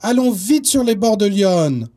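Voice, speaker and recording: A man voicing an excitable young boy who scares easily, in a storybook reading. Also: high voice, slight background noise, pitched above the performer's own voice. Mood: excited. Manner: excitable, quick to worry. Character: eager boy visiting from elsewhere, easily scared. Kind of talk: storybook narration.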